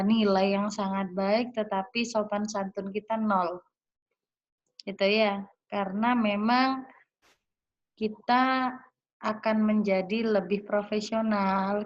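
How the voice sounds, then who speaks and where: A woman's voice: medium pitch, dull audio. A woman lecturer talking her students through slides in a chatty way, with many fillers and tag questions.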